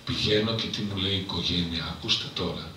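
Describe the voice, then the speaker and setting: A man's voice: sits low, bright, forceful tone. A male priest giving an emotive storytelling talk to an audience, building to impassioned emphasis. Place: cultural centre hall. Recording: very echoey hall from far off, faint noise.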